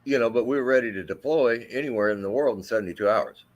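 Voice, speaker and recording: A middle-aged man who served in the army speaks in a deep, carrying voice while telling a personal story for an interview. He talks haltingly, often restarting and filling gaps with fillers.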